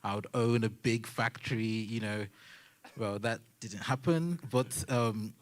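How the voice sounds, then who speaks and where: Low-voiced man telling his story. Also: unhurried. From Nigeria. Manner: chatty storytelling with self-mocking asides and laughs. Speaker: panelist, technology consultant. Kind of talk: panel testimony at a church young adults session.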